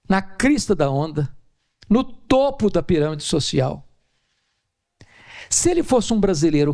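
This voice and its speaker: A middle-aged Brazilian man preaching a sermon as pastor, telling stories and acting out the dialogue in a raised voice. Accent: Brazilian Portuguese. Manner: animated storytelling, acting out dialogue in a high voice.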